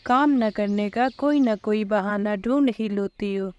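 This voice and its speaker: A woman's voice: medium pitch, darkish tone, lo-fi sound, slight background noise, natural voice. A woman voicing a bossy female sparrow who scolds her friend and orders her out. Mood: scolding. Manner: scolding, harsh.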